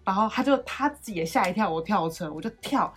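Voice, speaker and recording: A young woman co-hosting a casual chat, retelling a story with animated, swearing quotes. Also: mid-range voice, quick pace, over music. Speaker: podcast co-host.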